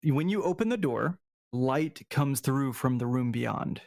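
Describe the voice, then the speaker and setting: A man's voice: medium pitch, animated, vocal fry, a little mellow, no room sound, studio quality. Easygoing male dungeon master. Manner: easygoing, explanatory, halting restarts. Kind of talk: narrating a tabletop game.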